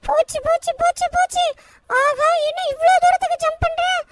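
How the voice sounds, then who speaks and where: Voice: extremely high pitch, steady tone, a little fast, recorded from a distance, very noisy, voice pushed up. A performer voicing a cheeky, easily panicked little cartoon boy who begs frantically in a comic game voice-over. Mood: panicky pleading. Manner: frantic pleading, constant "sir, sir" begging.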